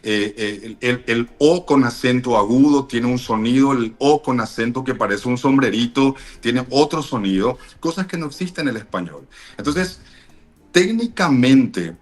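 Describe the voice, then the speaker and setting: A Paraguayan man being interviewed, explaining things in a measured way with frequent fillers and restarts. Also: mid-range voice, animated. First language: Spanish. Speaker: interview guest, language teacher. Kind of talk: thoughtful explanatory interview answers.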